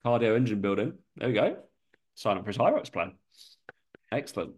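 A fairly low-pitched man talks a little fast and very animatedly as a podcast co-host. He chats casually, swears freely, and laughs often, and a lingering cold leaves his voice slightly nasal.

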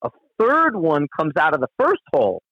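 Man telling a rambling story, slightly high voice. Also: huge pitch swings, moderate pace, no room sound. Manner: rambling, profane, frequent restarts. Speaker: guest storyteller. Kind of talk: casual spoken anecdote. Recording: dull, dry lo-fi recording.

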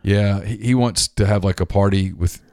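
Man, very low voice, dry close studio sound, wry sports talk banter. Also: steady tone, normal speed, darkish tone, no echo. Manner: wry, bantering, reads listener questions aloud. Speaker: sports talk show co-host. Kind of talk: casual sports radio chat. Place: radio studio. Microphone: studio microphone.

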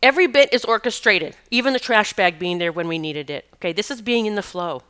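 A woman's voice: mid-range voice, expressive, fairly quick, a bit bright, clear, resonant tone. A woman hosting a show, telling a personal story in an earnest, emotional way, with restarts and laughs as she goes. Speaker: podcast host.

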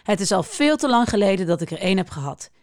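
A woman's voice: medium pitch, expressive, fast talker, darkish tone, no echo, studio quality, natural voice. A woman voicing a wise, kindly old male owl who speaks solemnly.

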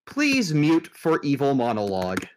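Game master, measured slow pace, medium pitch, tabletop role-play narration. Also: huge pitch swings.

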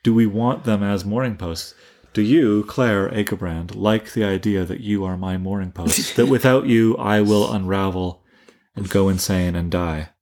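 A man with a low-pitched voice co-hosts a relaxed book discussion. He muses and thinks aloud, often restarting his sentences as he works through an idea. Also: normal speed. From Canada. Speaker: podcast co-host.

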